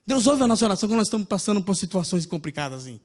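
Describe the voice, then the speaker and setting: A man's voice: high voice, sing-song, racing. A man with a Brazilian accent preaching a sermon in a conversational, storytelling way, often addressing listeners as brother. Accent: Brazilian Portuguese. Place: church in Japan.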